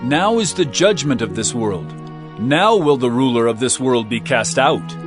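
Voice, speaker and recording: An actor playing Jesus as a solemn, earnest teacher in a dramatized audio Bible with emphatic delivery. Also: male voice, medium pitch, lively intonation, unhurried, lightly acted. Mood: resolute. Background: music.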